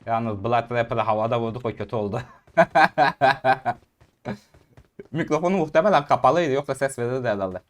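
A young man casting his own mobile shooter match, calling out enemies quickly and breaking into shouts and laughs in bursts. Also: medium pitch, a little hiss or hum. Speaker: gaming YouTuber. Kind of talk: excited gameplay commentary.

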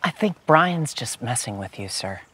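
A man's voice: mid-range voice, sing-song, moderate pace, fairly bright tone, breathy edge. An actor playing an earnest, worried boy scout in a short film, who is timid and polite and keeps saying sir. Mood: dutiful. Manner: timid and deferential, says sir constantly.

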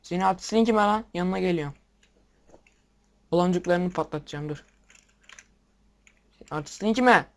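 Excitable young man commenting on a game. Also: high voice, fairly quick, creaky, long pauses. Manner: excitable, swears at the game, talks to viewers. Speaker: gameplay video maker. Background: keyboard and mouse clicks.

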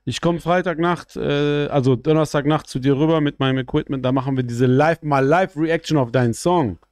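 A man's voice: a little high, a little fast, darkish tone, no echo. A man in his forties from the Ruhr area, hosting in casual, slangy chat close to a studio microphone. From Ruhr area, Germany. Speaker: host. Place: small indoor home studio. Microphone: close studio microphone on boom arm.

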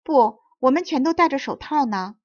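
A woman's voice: high voice, animated, moderate pace, dry recording, highs cut off. A woman voicing a small, proud crab leader who boasts and chatters eagerly.

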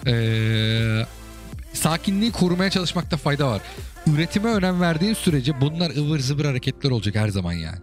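Chatty man talking over a game. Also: a little high. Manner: chatty, keeps asking "you get it?" and calling the listener brother. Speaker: host analysing viewers' game replays. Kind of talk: casual commentary.

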